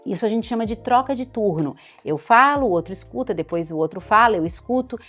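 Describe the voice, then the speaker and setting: A woman doctor with a Brazilian Portuguese accent, explaining baby development to parents in a chatty, lively way. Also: medium pitch, a little fast, soft background music. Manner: chatty, warm explainer, imitates baby sounds and baby talk. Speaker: doctor giving parenting advice. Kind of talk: explanatory talk to camera.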